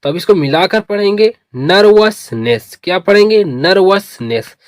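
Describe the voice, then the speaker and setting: A man's voice: sits high, lively intonation, moderate pace, no room sound, studio quality. A man teaching English spelling, reading each word letter by letter, then asking his students to say it back. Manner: spells words letter by letter and asks students to repeat. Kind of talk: slow spelling lesson.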